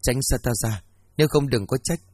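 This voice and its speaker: A man's voice: mid-range voice, quick pace, darkish tone, breathy edge, no room sound, studio quality, close to an everyday voice. A man voicing a frightened young wife. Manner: stammering, pleading. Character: frightened eighteen-year-old servant-wife.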